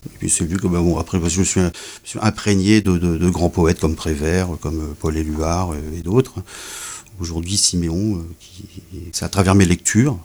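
A middle-aged poet is interviewed about his work in casual conversation, speaking hesitantly with many fillers and repeated words. His voice is low-pitched and darkish, steady in tone, at a moderate pace.

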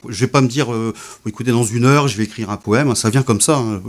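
A man's voice: medium pitch, fast talker. A middle-aged man, a poet interviewed about his work, who talks hesitantly with many fillers and repeated words. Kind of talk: casual interview talk.

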